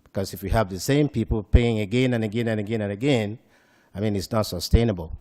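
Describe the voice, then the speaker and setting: A man's voice: fairly low pitch, fast, darkish tone. A man giving public comment at a town council meeting, hesitant with many fillers, asking questions about the budget. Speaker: citizen speaking at council meeting. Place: council chamber.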